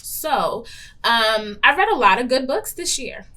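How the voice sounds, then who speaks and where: A woman's voice: fairly high pitch, sing-song, measured pace, bright, forceful tone. A young adult woman hosting a casual book review vlog, talking candidly with lots of ums and the odd playful swear word. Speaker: book reviewer and show host.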